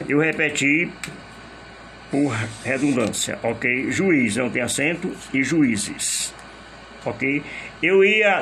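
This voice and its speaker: A man's voice: medium pitch, a bit bright, a little hiss or hum. A man teaching a grammar lesson, patiently repeating each rule step by step and asking rhetorical questions. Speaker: Portuguese teacher.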